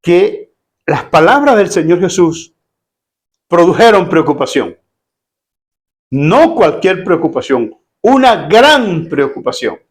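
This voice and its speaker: Conversational preaching man, fairly high voice. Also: very animated, takes it slowly, pauses often. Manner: conversational preaching, acts out quoted voices, asks the congregation questions. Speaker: pastor. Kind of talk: sermon. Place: church.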